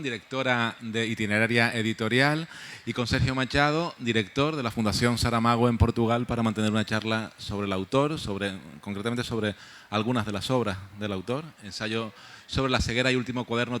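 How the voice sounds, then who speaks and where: A man's voice: medium pitch, steady tone, normal speed, fairly bright tone. A man presenting and moderating a literary talk at a book fair, addressing the audience and guests. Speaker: host, moderator.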